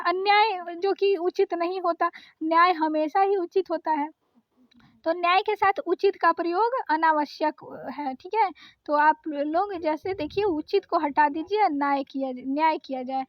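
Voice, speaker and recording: High-voiced woman teaching grammar. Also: no echo, muffled recording. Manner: corrects sentences one by one, explaining patiently. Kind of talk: exam-prep grammar lesson.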